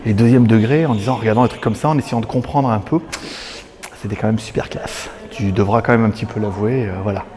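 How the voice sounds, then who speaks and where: A man's voice: fairly low pitch, quick pace, a crowd in the background. A man casually vlogging his way through an exhibition, chatty and loose, with frequent laughs and fillers. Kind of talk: casual vlog commentary. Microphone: handheld camera on a stabilizer.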